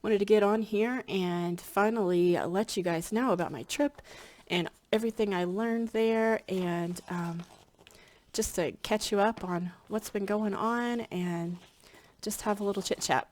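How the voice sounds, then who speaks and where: Talking casually to camera, this woman, a spiritual hypnotherapy practitioner, rambles to her viewers with lots of ums and restarts. She sounds a little congested and slightly scratchy, with a medium pitch, fairly even intonation, a slightly slow pace, and a little mellowness.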